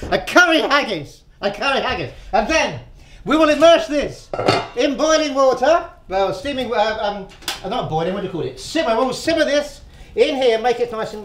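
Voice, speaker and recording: A man's voice: very high-pitched, very animated, moderate pace, a bit bright. A man hosting a casual cooking demonstration, chatty and rambling and laughing often as he tells jokes. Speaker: cooking show host. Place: outdoors, windy. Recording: echoey with faint ambient noise.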